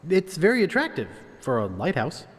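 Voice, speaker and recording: A naive, eager young pirate hopeful in a cartoon adventure game. His voice is on the high side and hugely animated, breezy and cheeky, ringing with long hall reverb. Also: normal speed. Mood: eager, polite. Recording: echoing hall reverb effect.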